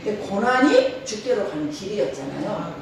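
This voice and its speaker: A woman's voice: medium pitch, normal speed, a little hiss or hum. Middle-aged lady pastor preaching, bouncy voice, lots of laughing, far off in a big echoey church. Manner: lively preaching with frequent laughs and call-and-response. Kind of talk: sermon. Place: church sanctuary.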